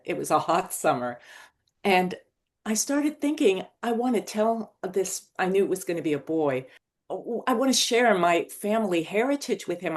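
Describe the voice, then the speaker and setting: An older woman from Morocco, a novelist and screenwriter, telling her story as a podcast guest in an animated, digressive way. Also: lowish voice.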